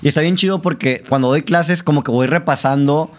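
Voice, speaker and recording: Mexican guy on a podcast, kinda higher voice, loose slangy talk, lots of "no?" and "güey". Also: fairly quick. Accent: Mexican Spanish. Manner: animated, slangy, many fillers and tag questions. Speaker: director and teacher, podcast guest. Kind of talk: casual podcast chat.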